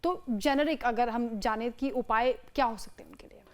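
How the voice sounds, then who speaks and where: A woman's voice: a little high, normal speed. A woman hosting an interview, asking questions and politely affirming her guest. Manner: affirming, frequent agreeing murmurs, polite formal closing. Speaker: interview host.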